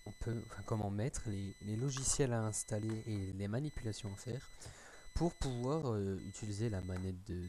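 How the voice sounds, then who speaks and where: A man's voice: fairly low pitch, warm tone, a little hiss or hum. A man with a French accent talking through a computer tutorial on screen, hesitant, full of fillers and restarts. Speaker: tutorial maker. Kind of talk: screen-recorded tech tutorial.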